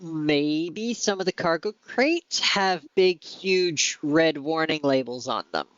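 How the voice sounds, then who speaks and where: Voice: medium pitch, animated, takes it slowly, fairly bright tone, clean tone, no echo, dull audio. A game master describing the scene and calling for skill rolls in a tabletop game.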